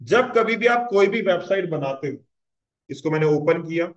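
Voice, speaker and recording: A man teaching a casual web development tutorial, talking conversationally and often checking "clear?" with his students. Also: fairly high pitch, expressive, normal speed, muffled recording.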